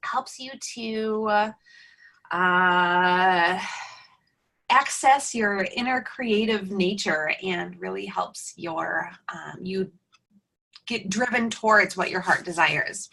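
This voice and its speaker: A woman hosting a live webinar, presenting casually with many ums and pauses. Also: medium pitch, vocal fry, pushed and bright, poor audio. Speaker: webinar host.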